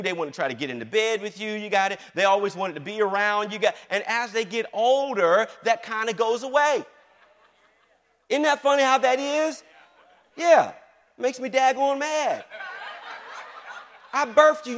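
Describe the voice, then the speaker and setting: A man's voice: high-pitched, fairly bright tone, long reverb tail. A middle-aged male pastor preaching a sermon, folksy and humorous, who keeps asking the congregation "you got it?". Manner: call-and-response, repeating "you got it?"; folksy and humorous, acting out family conversations.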